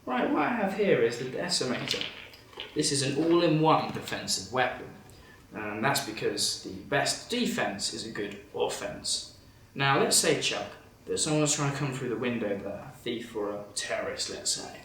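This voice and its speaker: A man's voice: medium pitch, big pitch swings, normal speed, fairly bright tone. A man playing a confident professor giving an emphatic, matter-of-fact infomercial sales demonstration. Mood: eager selling. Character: confident male professor pitching absurd home weapons. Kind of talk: parody infomercial sales pitch. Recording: echoey room, distant mic, faint noise.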